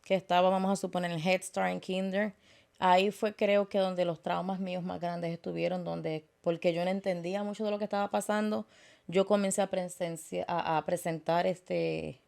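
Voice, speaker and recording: A woman, a guest telling her story in an interview in an earnest, halting way with many fillers. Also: fairly low pitch, flat delivery, vocal fry, darkish tone. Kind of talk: personal testimony in interview.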